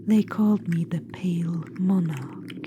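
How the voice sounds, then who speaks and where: Whispering low and slowly in a natural voice, a woman plays a vain, imperious, ancient undead witch queen in an ASMR roleplay. She sounds wistful, teasing and condescending, fond of the word darling for the listener. Her soft whisper rests on a steady background hiss.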